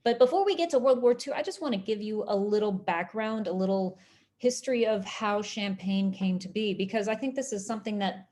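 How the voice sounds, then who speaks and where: A woman from Oklahoma with an American accent lecturing on history in a measured, explanatory way with deliberate phrasing. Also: mid-range voice, warm tone. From Oklahoma, United States.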